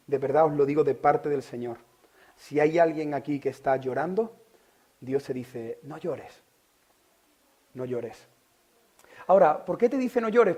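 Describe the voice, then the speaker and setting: A man from Spain preaching a sermon, asking the listeners direct questions and swinging from loud preaching to hushed whispers. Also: fairly high pitch. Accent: Spain Spanish. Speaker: pastor.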